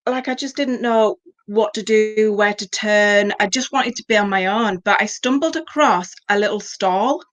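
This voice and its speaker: A woman with a medium-pitched voice hosts a relaxed-format conversational interview. She talks informally and personally, in a chatty manner, as if to someone she knows. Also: normal speed, hardly any pauses. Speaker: host, former yoga class teacher.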